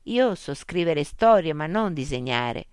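A woman's voice: low voice, animated, a little slow, a little mellow, smooth, no room sound, studio quality. A woman voicing a flustered adult woman writer who keeps apologizing. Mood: apologetic.

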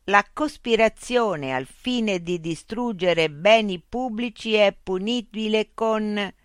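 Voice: mid-range voice, slow pace, fairly bright tone, smooth, no room sound, studio quality, pitched above the performer's own voice. A narrator voicing a cold bureaucratic machine information unit that recites rules in a rigid, officious way. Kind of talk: audiobook character voice.

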